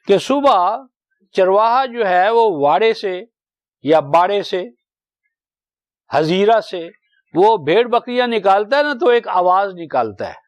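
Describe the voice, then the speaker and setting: An older man in his seventies delivers a Quran commentary lecture in a high, thin voice. He explains each word patiently, keeps asking rhetorical questions and draws out verses in slow recitation. The sound is dry and close, with no room around it. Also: no echo. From Pakistan. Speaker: Quran teacher.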